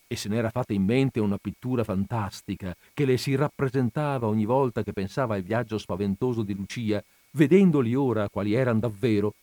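A man narrates a classic novel in a measured, even reading voice of middling pitch. The recording is dry and close, with no room sound. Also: no echo. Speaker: audiobook reader.

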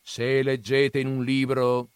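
A domineering old grandfather bellows his judgments, voiced by a male reader. The voice is raised and forceful, declaiming each line for the whole family. The recording is dry and close, with no room sound. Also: mid-range voice, completely flat delivery, slow, smooth, no room sound, voice pushed up, close to an everyday voice. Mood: blustering.

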